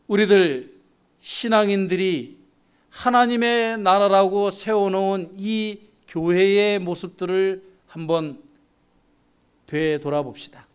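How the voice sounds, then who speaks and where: Male pastor preaching; slow, clear delivery, high voice, rhetorical questions to the congregation. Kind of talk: sermon. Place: church sanctuary.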